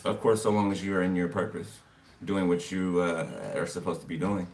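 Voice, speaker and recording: Man, tarot reader, low voice, rambly and repetitive, mic set well back, noisy recording with birds behind. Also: fairly even intonation, a little fast. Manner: rambling, filler-heavy, repeats "okay" and "you know". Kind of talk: casual tarot reading monologue. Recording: distant mic with background noise. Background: birds chirping.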